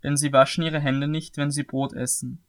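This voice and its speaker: Accusing male religious scholars with an earnest challenge, as a man reads them aloud. The voice is slightly high for a man and moves at a brisk pace. It is scripted scripture reading. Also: little pitch movement, close to an everyday voice.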